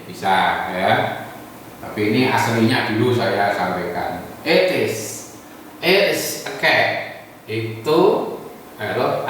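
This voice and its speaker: A male English teacher explaining a lesson patiently, repeating each example slowly. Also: mid-range voice, a bit bright. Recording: echoey room from far off, faint noise.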